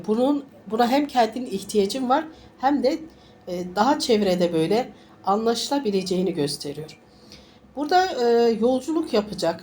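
A woman sniffly with a summer flu, reading fortunes informally for viewers in a halting, reassuring way and often repeating her phrases. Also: mid-range voice, darkish tone, a little hiss or hum. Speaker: fortune teller.

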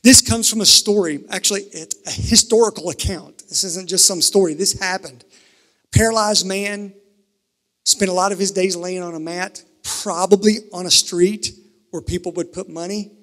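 Man, pastor, pulpit microphone, earnest sermon, emphatic then hushed, reverberant sanctuary. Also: sits high, fairly even intonation, moderate pace. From Kentucky.

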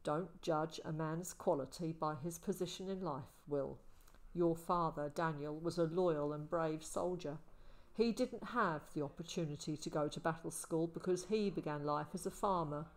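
Lady reading as a quiet older ranger guy, soft and sober, lowish voice. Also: moderate pace, hardly any pauses. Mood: gentle. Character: calm older male ranger, a gentle mentor.

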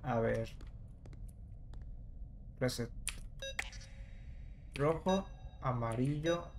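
Casual gamer narrating play. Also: male voice, mid-range voice, drawn-out words, background noise. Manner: casual, talks to viewers while puzzling aloud. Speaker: gameplay commentator. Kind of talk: let's play commentary.

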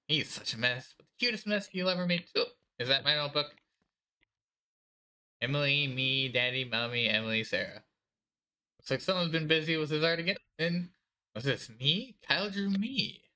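A man's voice: fairly high pitch, animated, normal speed, bright, forceful tone. A man voicing a caring, weary teenage girl who is an older sister, reading game dialogue aloud in a fond, chatty way.

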